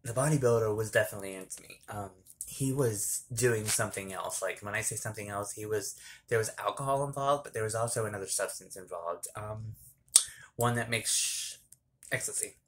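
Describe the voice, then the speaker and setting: A man's voice: lowish voice, a little fast, fairly bright tone, slight background noise. A man telling a casual storytime vlog, rambling and laughing often as he talks. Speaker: vlogger. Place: small hot bathroom.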